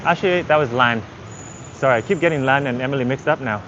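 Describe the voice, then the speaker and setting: A native Vietnamese man talks fast in a mid-range voice, chatting casually in English and rambling as he thinks aloud, walking-livestream travel style. He's outside on a crowded city street; the audio is dull, and loud traffic, vehicles and city noise fill the background.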